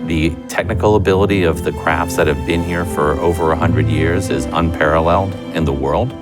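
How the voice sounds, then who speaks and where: A man's voice: deep voice, brisk. A man who works as a cinematographer and director, speaking directly and earnestly in a documentary interview. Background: music.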